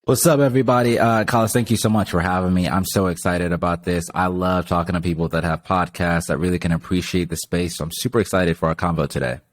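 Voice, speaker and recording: A man's voice: low voice, fast talker, hardly any pauses, dry recording. A young man from Zimbabwe, a podcast guest talking casually with lots of filler words. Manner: relaxed, chatty, lots of "like" fillers. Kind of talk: casual interview chat.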